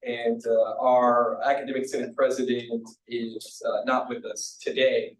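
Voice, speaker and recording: A man's voice: mid-range voice, a little slow. Man chairing a meeting in an echoey room. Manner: relaxed, joking asides. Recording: echoey room from far off, faint hiss.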